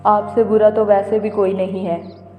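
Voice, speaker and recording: A woman's voice: mid-range voice, level tone, a little slow, narrow, tinny audio, lightly acted. A woman playing a cheeky, defiant schoolboy who talks back in a cartoon moral story. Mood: taunting. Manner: taunting, back-talking. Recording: echoey long reverb, music behind.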